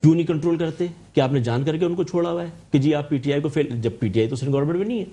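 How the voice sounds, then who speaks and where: A man's voice: a little high, dark tone. A man who is a guest on a political talk show, arguing his side insistently and often cutting back in to hold the floor. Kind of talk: argumentative political debate.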